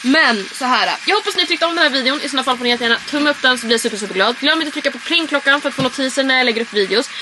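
Barely pausing, a high-pitched woman in her twenties chats informally to camera for her road trip vlog. She moves in and around a camper van and a car, and her handheld vlog camera picks up clear background noise.

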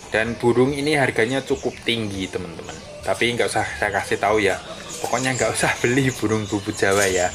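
A man, chatting casually as a bird-keeping vlogger and explaining while he films outdoors with a phone. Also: on the low side. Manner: friendly, chatty, keeps saying "friends" with a dropping tail. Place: outdoors by bird cages on paving. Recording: phone audio with clear background noise.

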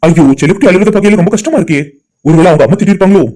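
Guy doing a lovestruck cartoon young man, highish voice, rapid, anxious self-talk. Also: mellow, lightly acted. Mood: worried. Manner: talks to himself, anxious, quick. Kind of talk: amateur cartoon voice acting.

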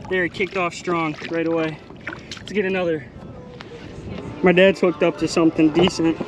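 A young man in his twenties giving chatty, excited running commentary while fishing from a small boat, recorded on a body-worn action camera. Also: a little high, moderate pace. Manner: excited, chatty, calls viewers "guys" and "bro". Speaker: fishing vlogger host. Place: outdoors on a small boat on a bay. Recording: music playing underneath.

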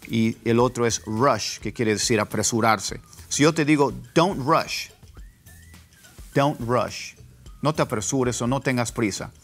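A man teaching an online pronunciation lesson, repeating words slowly for drill. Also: fairly low pitch, gravelly. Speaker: English teacher.

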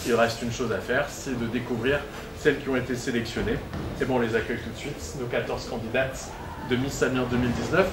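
A middle-aged man hosting a pageant event, announcing to a live audience in an upbeat way with many filler sounds. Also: mid-range voice. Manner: upbeat, with frequent "euh" fillers. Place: event hall with a sponsor backdrop. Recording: echoey room, camera far off, background noise.

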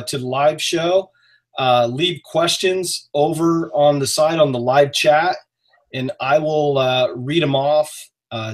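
A man from northern Maine hosting a casual live-stream chat over a webcam from a small home office, talking in a relaxed, friendly way with frequent pauses. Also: on the high side. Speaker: host. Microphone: webcam on a video call.

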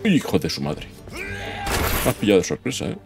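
Man, low gravelly voice, lively swings in pitch, casual gameplay commentary, game music faintly behind. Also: moderate pace. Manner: chatty, talks to himself while playing, sudden yelps. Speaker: gaming YouTuber.

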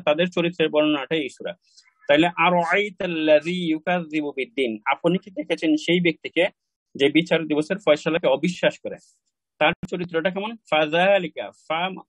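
Male recitation teacher, somewhat high voice, patient and repetitive, dry close sound. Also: no echo, low-quality recording. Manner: patient, repeats pronunciations slowly for learners. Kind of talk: online class instruction.

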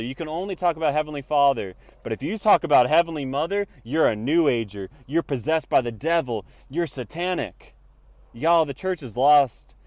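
A young spiritual vlogger preaches emphatically in a selfie-style monologue from a parked car, holding his phone at arm's length and using an earphone mic. He says "y'all" often, his voice a little high, with no echo.

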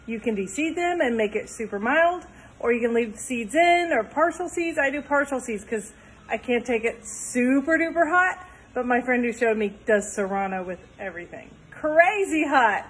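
Her fairly high, husky voice has lively intonation and a normal speed as this woman in her thirties enthusiastically talks through a home recipe in her kitchen, full of chatty, upbeat asides. She records on a phone held close before propping it farther off, and the audio is poor.

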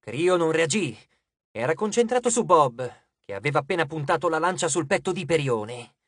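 A man reading an audiobook chapter aloud in even, clear scripted narration. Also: on the high side, normal speed, dry recording, studio quality.

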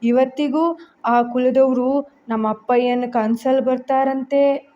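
A woman's voice: high-pitched, fairly even intonation, slow, mellow, dull audio. A woman voicing a fearless young forest woman who speaks in a rustic village dialect. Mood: wary.

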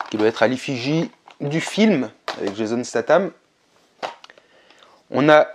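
A man narrating a casual vlog, relaxed and chatty, with frequent hesitations. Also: mid-range voice, a little hiss or hum. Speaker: video game collector vlogger.

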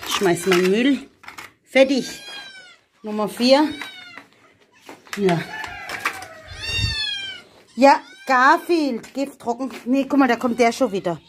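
Woman vlogger from Germany, chatty and coaxing with her pets, unhurried delivery, outdoor camera mic with faint noise and animals nearby. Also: on the high side. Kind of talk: casual vlog talking to viewers and animals. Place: outdoors in a hot village yard with animal pens.

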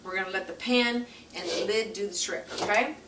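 In an echoey home kitchen, a chatty, folksy woman demonstrates a recipe for her cooking show, frequently tossing in "okay?" Her voice is medium in pitch and fairly quick, heard from a distance over loud clatter, sizzling pans and clinking utensils.

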